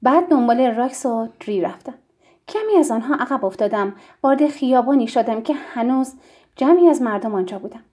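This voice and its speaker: A woman narrating a novel as an audiobook, in a hushed, intimate reading that drops to a whisper. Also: fairly high pitch, lively intonation.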